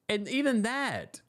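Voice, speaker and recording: A man hosting a live-stream recap, reading fan messages aloud and riffing in a sassy, laughing way. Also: high-pitched. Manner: sassy, animated, laughs often. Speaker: recap show host.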